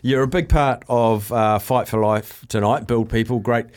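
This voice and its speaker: A man's voice: mid-range voice, steady tone, moderate pace, darkish tone. A man hosting a casual sports radio interview in a chummy, informal way.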